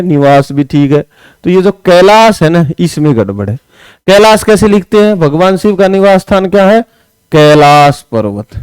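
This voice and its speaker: Brief: male Hindi teacher, high clear voice, dry close mic, talks through exam questions. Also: a little mellow, no room sound. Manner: explains step by step, often asks "है ना"; writes on a board while talking. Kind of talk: exam-prep lesson.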